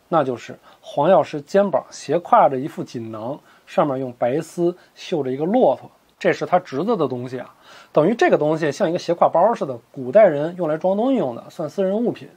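A male storyteller with a husky, somewhat high voice narrates in a loose, colloquial, joking manner. His pitch moves about lively as he tells the tale. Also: brisk.

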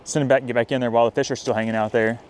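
A young man narrating his night fishing trip by a riverbank in a casual vlog style. He gets excitable, whooping and hollering whenever a fish bites. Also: medium pitch, very fast, a little hiss or hum. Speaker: fishing vlogger. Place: riverbank near a dam at night, outdoors.

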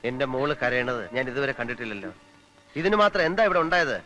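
A man's voice: mid-range voice, animated, fast talker, bright, forceful tone. An actor playing a devoted young man in a film scene, pleading earnestly and tenderly. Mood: puzzled. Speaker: film character. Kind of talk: 1990s film acting.

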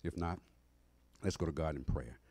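A man's voice: a bass voice, normal speed, darkish tone. A middle-aged man teaching a Bible class in a church sanctuary, emphatic and asking the class questions as he goes. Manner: emphatic, call-and-response questions. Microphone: standing in front of a mic stand.

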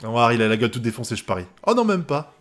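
A man from France reacts live to an anime episode, his voice swinging wildly between low mutters and high outbursts. He swears freely and keeps bursting out laughing. Faint music from the show plays underneath. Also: very animated, racing, fairly bright tone.

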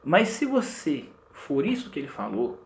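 A man teaching a sales course, lively, acting out short example dialogues as he explains. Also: on the high side, normal speed. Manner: animated, acts out example dialogues. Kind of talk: lecture to camera.

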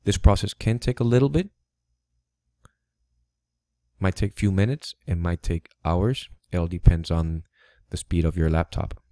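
This tech tutorial voice-over comes from a host whose voice is very low, dark and unhurried; he explains a computer how-to step by step in a plain, instructive way, stumbling slightly with an occasional "um." The sound is dry, picked up close by a USB studio microphone on his desk.

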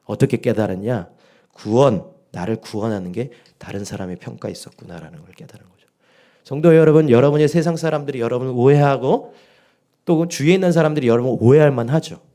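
A man's voice: medium pitch, fast, dark tone. A middle-aged male pastor delivering a dawn sermon, telling a story with quoted dialogue and building to emphatic exhortation. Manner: rises to emphatic peaks when exhorting.

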